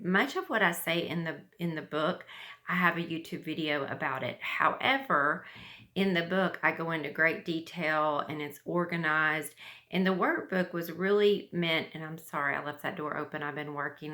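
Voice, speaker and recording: A middle-aged woman speaks in a low register with a bright, firm edge. She is short of breath as she talks. Her delivery is casual and instructional, like a teacher addressing her students. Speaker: yoga teacher and teacher trainer. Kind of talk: casual instructional talk to camera.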